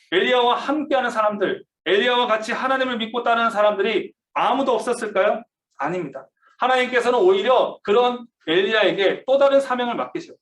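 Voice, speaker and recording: A man's voice: sits high, fairly bright tone. A man preaching a youth sermon, telling the story vividly, asking the listeners questions and acting out the quotes. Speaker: youth pastor. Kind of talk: sermon to teens over video call. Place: church room. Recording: roomy, distant mic.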